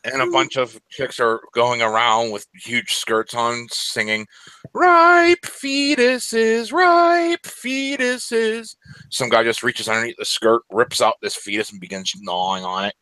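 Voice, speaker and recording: A man's voice: flat delivery, normal speed, few pauses, sharp tone, dry recording. A man narrating a tabletop game as game master, breaking into crude sung parodies and laughing often. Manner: sings crude parody songs in a high put-on voice, laughs often.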